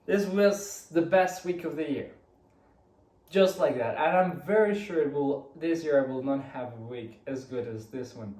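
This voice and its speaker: This young man from Costa Rica vlogs a casual recap of his week, telling it in a chatty, meandering way and often starting over. He speaks a little slowly in a fairly high, somewhat mellow voice. The audio sounds roomy, captured from a distance.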